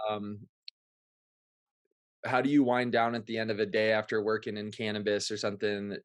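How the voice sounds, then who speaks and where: A man hosting a webinar panel, relaxed and easygoing, with lots of ums. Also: lowish voice. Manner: relaxed, easygoing, filler-heavy. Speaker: webinar host. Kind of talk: casual hosting. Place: remote webinar call. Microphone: video call.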